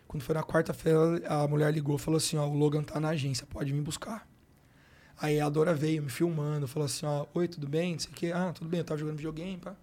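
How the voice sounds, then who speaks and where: A man's voice: fairly high pitch, flat delivery, fast, darkish tone. A man with a Brazilian Portuguese accent, a guest on a podcast, telling a personal story in casual, slang-filled talk. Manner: slangy, emotional, frequent filler words like "cara" and "brother". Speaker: podcast guest, sports coach.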